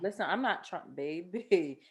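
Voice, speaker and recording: A woman's voice: medium pitch, normal speed, fairly bright tone. Blunt, skeptical woman on a podcast. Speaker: podcast co-host. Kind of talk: casual chat.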